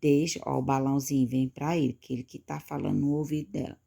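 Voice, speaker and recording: Gravelly-voiced Brazilian woman teaching kids. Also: rumbling low, flat delivery, dark tone. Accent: Brazilian Portuguese. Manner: slow, patient explaining, pointing at the book with "ó". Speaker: schoolteacher. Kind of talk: recorded remote lesson for young pupils.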